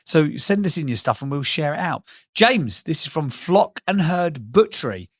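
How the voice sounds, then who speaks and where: A male podcast co-host with a somewhat high voice, playful and teasing in casual chat. He moves quickly between jokes and questions for his guest. The sound is close and dry. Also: big pitch swings, husky, dry recording. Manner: playful, teasing, bursts into silly singing.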